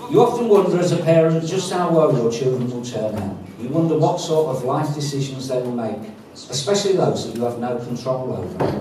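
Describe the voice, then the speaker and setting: A middle-aged man delivers a wry father-of-the-bride speech with playful jokes. His mid-pitched voice reaches a distant mic in a very echoey, noisy space. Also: mellow. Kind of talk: wedding toast speech. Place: large echoey wedding venue with guests.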